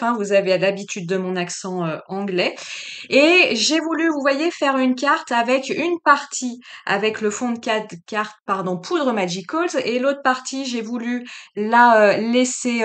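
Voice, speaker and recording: A woman with a slightly raised voice talks viewers through a craft project in a loose, conversational way. She speaks straight to her audience and keeps dropping little fillers between phrases. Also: fairly high pitch. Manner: chatty, with frequent "euh" and "hein". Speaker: craft tutorial host. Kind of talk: casual how-to narration.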